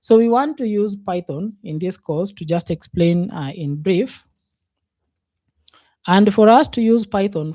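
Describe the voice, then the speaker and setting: In a casual screen-share coding lesson, a programming instructor speaks in a warm, mellow voice that sits high. He works through the material unhurriedly, thinking aloud and pausing on many fillers, and the sound is close and dry with no room around it.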